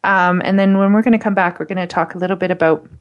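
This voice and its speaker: A woman's voice: on the low side, fairly even intonation, quick pace, highs cut off. A woman hosting a business radio show, chatty and enthusiastic. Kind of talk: radio interview.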